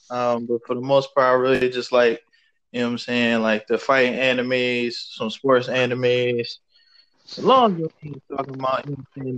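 A man co-hosting a casual podcast, talking in a relaxed, slangy, laid-back way. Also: mid-range voice, lo-fi sound. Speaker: podcast co-host. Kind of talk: casual chat.

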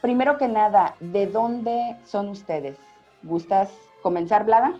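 A woman's voice: mid-range voice, slow, warm tone, muffled recording, soft background music. A woman hosting an interview, keeping it moving with brief encouraging prompts. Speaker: host.

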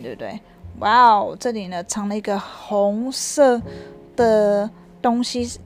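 A mother reading a picture book aloud to her child, lively and stopping to ask questions. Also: medium pitch.

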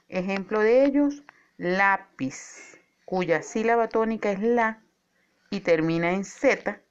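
A woman teacher giving a scripted spoken lesson, with a clear, measured delivery that slows down to stress key words. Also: mid-range voice, highs cut off, slight background noise.

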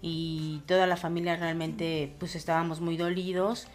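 A woman's voice: lowish voice, level tone, moderate pace, soft background music. Earnest woman telling a ghost story. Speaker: podcast co-host.

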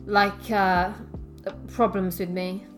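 A woman's voice: mid-range voice, flat delivery, takes it slowly, music in the background. A young woman co-hosting a casual chat, talking bluntly and swearing freely. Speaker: podcast co-host.

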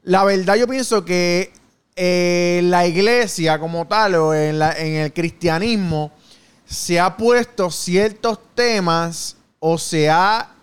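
A man co-hosting a casual podcast, chatty and emphatic, slowing down to stress his points. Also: sits high, smooth. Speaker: podcast co-host.

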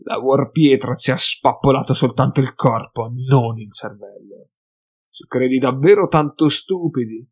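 A man's voice: mid-range voice, a little slow, darkish tone, slightly rough. A man voicing a sly, suspicious male mutant pack leader who taunts his enemies in an emphatic, sneering way. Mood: taunting.

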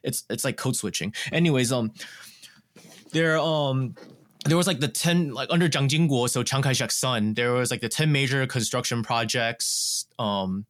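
A man with a Taiwanese accent, talking casually as a podcast co-host and explaining history in a halting, informal way with digressions. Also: mid-range voice, a bit bright. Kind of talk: casual political history discussion.

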